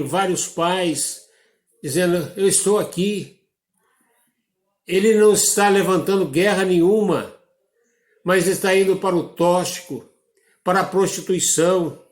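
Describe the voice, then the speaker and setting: Slow, measured Brazilian preacher. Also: male voice, echoey room. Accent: Brazilian Portuguese. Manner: slow, measured preaching with dramatic drops in pitch. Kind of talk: sermon. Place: church.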